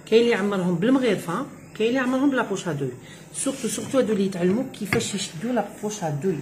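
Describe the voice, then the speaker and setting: A woman's voice: medium pitch, animated, racing, a little mellow, slight background noise, rough recording. A woman with an Algerian Arabic accent hosts a home cooking demonstration. She keeps telling viewers to look as she works, and mixes French words into her speech. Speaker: cooking show host.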